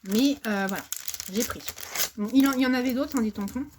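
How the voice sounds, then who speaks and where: A woman's voice: a little high, brisk, noisy background. A woman from France chatting casually in a crafting haul, hesitant and full of fillers and restarts. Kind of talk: casual chat.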